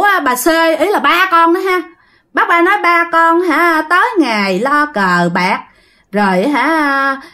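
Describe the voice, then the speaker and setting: A woman's voice: high voice, pushed and bright, pitched above the performer's own voice, exaggerated voice. A woman with a Southern Vietnamese accent voicing the ghost of a young girl who pleads and then threatens, repeating herself.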